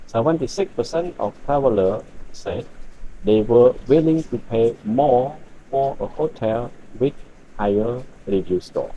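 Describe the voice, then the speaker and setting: A man, a hotel general manager, giving a measured instructional talk in slightly non-native English. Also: mid-range voice, dark tone. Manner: measured, deliberate phrasing with non-native grammar. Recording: muffled lo-fi recording with faint noise.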